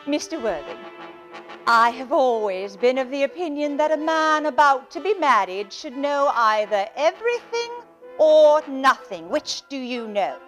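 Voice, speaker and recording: A woman performing an imperious, pompous aristocratic lady who interrogates deliberately in a comic stage play. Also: sits high, very animated, a bit bright, soft background music, full character voice. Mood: haughty, probing.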